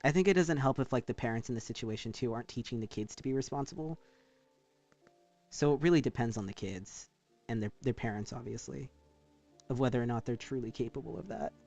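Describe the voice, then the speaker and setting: A man talking casually and with some swearing as a streamer who draws live, rambling in an animated way. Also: medium pitch, fairly quick, soft background music. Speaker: streamer drawing art live. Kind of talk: casual livestream chat while drawing.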